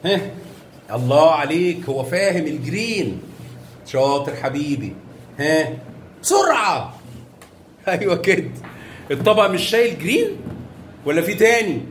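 Egyptian male primary teacher, fairly high voice, coaxing and full of praise, echoey classroom with faint noise. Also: big pitch swings, normal speed, pauses often. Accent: Egyptian Arabic. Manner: coaxing, showers children with praise and pet names. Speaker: primary school math teacher. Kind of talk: classroom teaching with young children.

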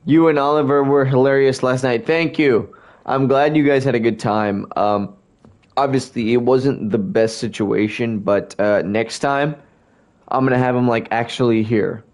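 A man's voice: mid-range voice, steady tone, normal speed, darkish tone. A young man chatting casually to his viewers during a game stream, rambling and hiccuping as he talks. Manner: rambling, talks to chat, keeps hiccuping and burping. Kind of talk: casual livestream chat while gaming.

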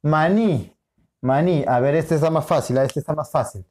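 A man's voice: a little high, darkish tone. A male school teacher giving a recorded online lesson, patient and repetitive, often checking in with short questions. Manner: repeats himself and checks in with frequent questions; patient, drawn-out explaining.

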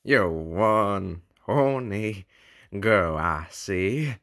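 A man voicing a suave, smug demon gentleman in a drawling, theatrical way for an amateur comic dub. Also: fairly low pitch, expressive, drawn-out words, full character voice. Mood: smug, flirtatious.

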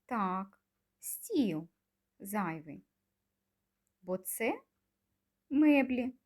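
A woman teaching a speech lesson to small children, asking gentle questions and pausing for answers. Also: mid-range voice, sing-song. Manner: slow, gentle, coaxing questions with pauses. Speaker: kindergarten teacher.

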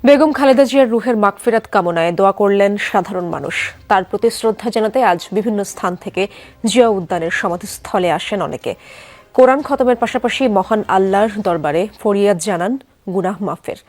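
A woman news anchor reading headlines and reports in a measured, formal way. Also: mid-range voice, a little mellow.

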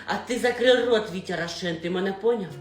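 A woman voicing a rude, lazy, beer-drinking young husband who talks gruffly and swears. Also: mid-range voice, fast, reverberant, pitched below the performer's own voice, lightly acted.

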